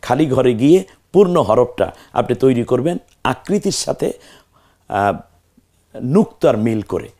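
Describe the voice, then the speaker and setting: A man's voice: mid-range voice, sing-song, unhurried, pauses often, dark tone. A man with a Bangladeshi accent teaching the Arabic alphabet, patiently drilling letter names and coaxing the learner. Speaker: Quran teacher.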